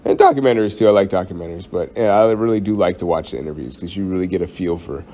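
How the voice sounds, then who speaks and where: Deep and dark-toned, a man talks rapid-fire on his own podcast, chatting casually in a rambling, joking style full of fillers and restarts.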